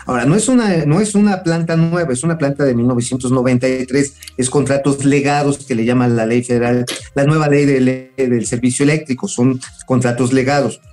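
A man's voice: mid-range voice, a little fast, hardly any pauses, darkish tone, faint music behind. A man with a Mexican accent co-hosting a political talk show, blunt and swearing freely. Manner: blunt, profane, mocking. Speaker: co-host.

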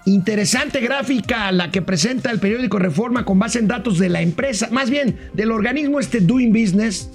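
High gravelly-voiced Mexican co-host, jokey reader of viewer comments, faint music underneath. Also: male voice, normal speed, few pauses. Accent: Mexican Spanish. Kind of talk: casual talk-show chat.

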